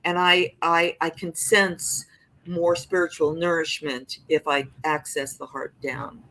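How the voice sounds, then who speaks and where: An older singer-songwriter speaks reflectively and expressively about her craft in a podcast interview, often restarting her sentences. Her deep voice is bright and forceful but flat in delivery and a little slow. The recording quality is low.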